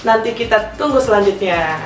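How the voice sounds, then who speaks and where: A young woman with a mid-range voice talks at normal speed, animated and chatty, dropping English phrases into her speech. She's hosting a casual podcast interview, heard from a distant mic in an echoey room with music playing behind.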